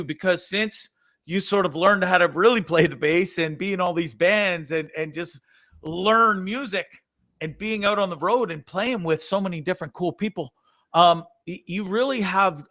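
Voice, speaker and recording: A man's voice: high voice, normal speed, bright, forceful tone. A man in his fifties hosting an interview over a video call, asking long, eager, rambling questions. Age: 50s. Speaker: host. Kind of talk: casual interview chat. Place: home room, video call. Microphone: video call mic.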